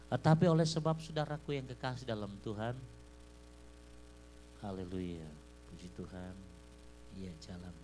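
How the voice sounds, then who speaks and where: A man preaching a sermon, swinging from loud, fervent passages to soft storytelling and repeating a fond address to his listeners. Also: fairly low pitch, normal speed, long pauses. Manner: repeats "beloved in the Lord" as a refrain. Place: church service. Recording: live stream with faint hum.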